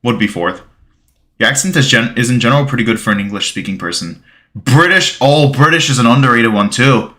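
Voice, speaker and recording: Streamer: young man, Bulgarian-native, bright forward tone, rambling casual chat, reads chat and thanks followers. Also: medium pitch, a little fast. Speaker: gaming livestreamer.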